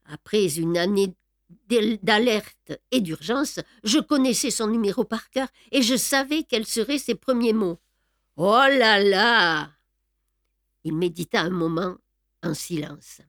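A woman reading an audiobook in a measured, wry storytelling manner. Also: medium pitch, no echo, studio quality. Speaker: audiobook narrator. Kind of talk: scripted audiobook narration.

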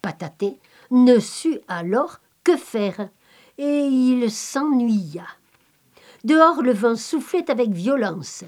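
A woman reading a folk tale aloud in a calm, measured, expressive storybook manner. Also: a little high. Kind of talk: slow storybook narration.

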